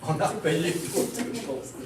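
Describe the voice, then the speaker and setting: Québécois pastor preaching in an echoey hall. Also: male voice, on the high side, slow, recorded from a distance, noisy background. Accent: Québécois French. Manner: emphatic preaching with frequent "Amen?" calls and laughs. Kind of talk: sermon. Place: church hall.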